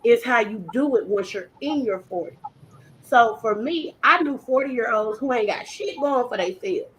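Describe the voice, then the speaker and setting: A woman in her early thirties hosting a casual panel chat, animated and laughing often. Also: on the high side, moderate pace, slight background noise, low-quality recording. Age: 30s. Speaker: host.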